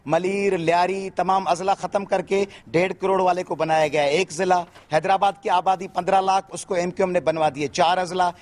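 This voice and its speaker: A man's voice: sits high, fairly even intonation, moderate pace, few pauses, darkish tone. A man appearing as a guest on a political talk show, insistently repeating his points and talking over the others. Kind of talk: heated political debate. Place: TV studio.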